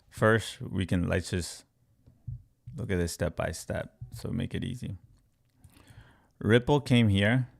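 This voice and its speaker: A Congolese man who teaches crypto trading answers viewers' chat questions during a live stream, his low voice carrying vocal fry. He repeats points emphatically and talks through charts step by step.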